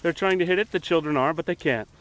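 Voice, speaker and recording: A man's voice: a little high, quick pace, no room sound, poor audio. A middle-aged man giving casual, jokey running commentary outdoors, close to a handheld camera. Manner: jokey, egging on. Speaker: host filming a cold plunge. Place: outdoors by a bay. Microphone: handheld camera held close.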